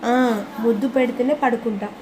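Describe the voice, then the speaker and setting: A woman's voice: a little high, fairly even intonation, moderate pace, heavy background noise, close to an everyday voice. A woman voicing a tipsy young wife who coaxes and demands, playful and insistent. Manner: slurred, coaxing and demanding.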